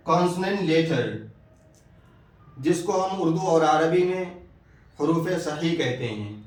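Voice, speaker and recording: A man giving a step-by-step English lesson, sounding out example words slowly and deliberately. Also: fairly high pitch, a little mellow, distant mic. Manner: slow and deliberate, drawing out example words one by one. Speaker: English teacher. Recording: very echoey room, a little off-mic.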